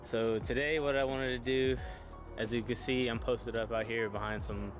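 Outdoors behind a shopping store, a young male car vlogger walks around his car and talks casually through its parts in a mid-range, fairly even voice at normal speed over music. He's laid-back, using lots of fillers and the odd casual swear word.

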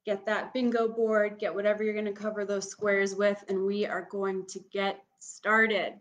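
A woman's voice: medium pitch, level tone, normal speed. A young adult woman hosting as a bingo caller, casually explaining and repeating items for an online audience in a room at home. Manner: bingo caller announcing and repeating each item, instructional. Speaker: bingo caller, camp game host. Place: small room at home, indoors.

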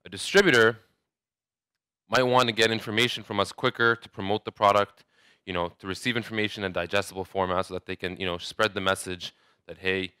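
A man's voice: on the low side, bright, forceful tone, smooth, no room sound, studio quality. A man in his thirties from Saudi Arabia, giving a conversational conference talk with frequent restarts and fillers. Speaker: conference speaker. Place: large hotel ballroom, indoors.

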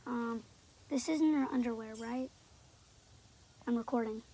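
A woman recording a rambling casual vlog from inside a closet, drifting between soft whispers and excited bursts. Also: on the high side, unhurried, slight background noise. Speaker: video creator.

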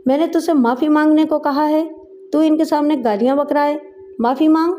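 A woman's voice: sits high, measured pace, highs cut off, a little hiss or hum. A woman voicing a fierce young man in a story, speaking harshly and commandingly. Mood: furious. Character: fierce young man confronting street bullies.

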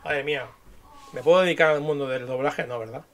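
A man giving quiet, self-mocking asides between comic dubs. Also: medium pitch, fast. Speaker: comedy creator. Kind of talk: casual aside commentary.

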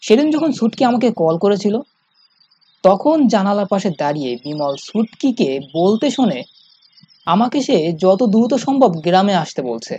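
A man's voice: sits high, sing-song, moderate pace, slightly rough. A man narrating a scripted first-person horror story in a suspenseful, dramatic manner. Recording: dull lo-fi sound, music behind. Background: loud music.

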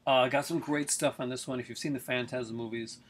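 Recorded on a webcam up close in his living room, a middle-aged film collector gives a casual video review, chatting eagerly about his collection and rambling with plenty of fillers. His mid-range voice is a little fast, fairly even in intonation, and has a breathy edge.

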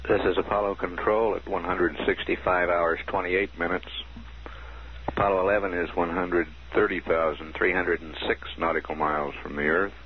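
A man with a very low voice delivers crisp, measured mission status reports, reading out one figure after another. His voice comes through a muffled radio transmission, dull and lo-fi like an old archive broadcast. A faint hiss runs underneath. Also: level tone. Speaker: mission control commentator. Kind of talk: formal status announcements.

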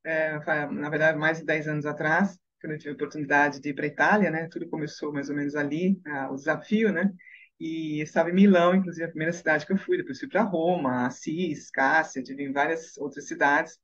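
A middle-aged Brazilian woman, a singer, telling stories with lively bursts of excitement in a radio interview. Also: sits low, fairly quick. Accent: Brazilian Portuguese. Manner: lively storyteller, tag questions, bursts of excitement. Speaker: singer and guest. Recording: dull lo-fi radio recording.

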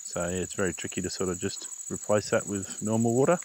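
A man's voice: deep voice, fast, a little mellow. A man with an Australian accent chatting casually as he films an outdoor vlog. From rural Australia. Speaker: vlogger, father out with his young child. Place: outdoors on a bush trail. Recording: faint outdoor noise, insects.

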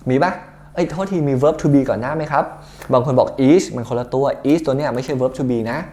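A young man with a Thai accent teaching an English grammar lesson, lively, often checking that students follow along. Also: medium pitch, a little fast. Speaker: English exam tutor.

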